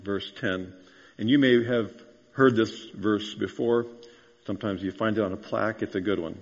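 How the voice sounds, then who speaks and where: A man preaching a sermon, earnest and conversational, rising to emphatic declarations. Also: on the low side. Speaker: pastor. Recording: dull sound with long reverb in a large hall.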